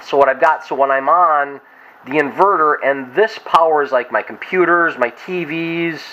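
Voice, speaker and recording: Inside a wooden boat, a hungover hobbyist vlogger rambles through a casual, unscripted show-and-tell, trailing off mid-thought. His voice is fairly high at normal speed. The dull lo-fi audio, with faint noise, comes from camera glasses worn on his head.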